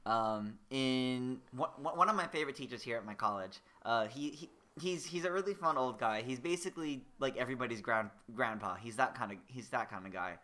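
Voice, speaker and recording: Bright-voiced young man chatting on stream. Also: medium pitch, lively intonation, a little fast, few pauses. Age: young adult. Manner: rambling, chatty storyteller. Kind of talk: casual let's-play chat.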